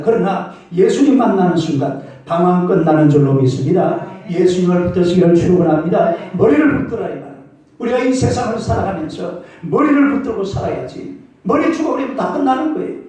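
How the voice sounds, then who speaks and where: Animated pastor in an echoey church hall. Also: male voice, high voice, distant mic. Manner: animated storytelling, calls out for congregation replies. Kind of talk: sermon. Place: church sanctuary.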